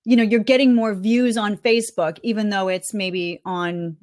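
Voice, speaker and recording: A woman chatting casually as a podcast guest, recapping conference talks in an animated way with plenty of fillers. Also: mid-range voice, moderate pace. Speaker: guest reporting on a marketing conference.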